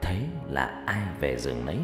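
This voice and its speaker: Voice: a bass voice, lively intonation, normal speed. A narrator telling a ghost story in dramatic storytelling narration. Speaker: audiobook narrator. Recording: echoey reverb with background music.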